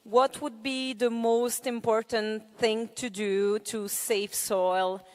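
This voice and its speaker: A woman from Belgium and Hungary, an audience member asking a question slowly and hesitantly. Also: fairly high pitch, steady tone. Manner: slow, hesitant, searching for words. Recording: long hall reverb.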